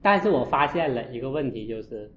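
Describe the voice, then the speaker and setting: A man, a Buddhist monk, giving a storytelling dharma talk and acting out his own scolding with sharp jumps in voice. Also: medium pitch, lively intonation, a little fast. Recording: echoey, dull lo-fi room.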